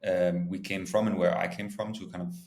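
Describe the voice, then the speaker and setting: A Danish startup founder and CEO answers interview questions informally, explaining things in a low, darkish voice with little pitch movement and some vocal fry. He talks a little fast, and the recording sounds echoey and roomy.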